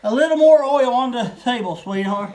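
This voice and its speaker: A man's voice: extremely high pitch, lively intonation, normal speed, a little mellow, low-quality recording. A man helping his wife at home, talking easily and teasing, calling her honey. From West Virginia, USA. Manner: laid-back, teasing, calls her honey. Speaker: husband helping on camera. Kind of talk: casual chat. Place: home, indoors.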